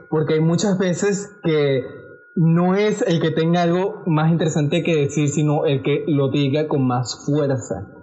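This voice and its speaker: A man with a Venezuelan accent in casual chat, telling stories with animated delivery and acting out other people's voices. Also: a little high, highs cut off. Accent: Venezuelan Spanish.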